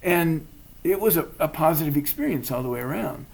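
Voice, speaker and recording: A thoughtful man with a gravelly voice that has a husky edge, talking in a measured way. His voice sits a little higher than most men's, and he pokes fun at himself. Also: lively intonation, a little mellow, poor audio. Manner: thoughtful, measured, self-deprecating. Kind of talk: casual chat.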